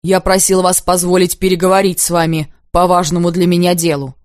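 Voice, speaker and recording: Lady reading a shy earnest young guy, halting and plain, audiobook. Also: lowish voice, little pitch movement, dry recording, studio quality, natural voice. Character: earnest, straightforward young man, a shy suitor.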